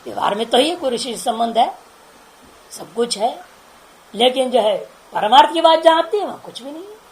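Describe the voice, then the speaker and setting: Casting: woman, spiritual teacher, higher voice, informal discourse, chatty, laughing, keeps checking in with her listeners. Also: expressive, normal speed, a little mellow, poor audio.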